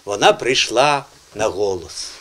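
Man, middle-aged, TV presenter, teacherly, animated pitch, repeats words. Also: unhurried. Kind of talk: lively language segment with children.

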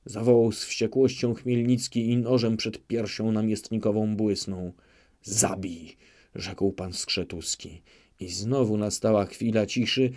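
Slow, low-voiced male audiobook narrator. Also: a little mellow. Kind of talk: scripted literary narration.

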